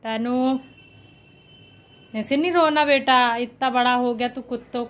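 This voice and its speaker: A woman's voice: fairly high pitch, fairly even intonation, a little slow, a bit bright, poor audio. A woman in her thirties filming a family vlog, coaxing and soothing her crying children in casual talk. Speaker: vlogger and mother.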